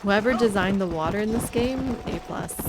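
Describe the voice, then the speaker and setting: A woman's voice: mid-range voice, moderate pace, noisy background. A woman chatting casually as she streams a video game, reacting aloud and answering viewers. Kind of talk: casual livestream gameplay chat. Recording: loud game music and horse sounds behind. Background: western video game music, hoofbeats, animal sounds.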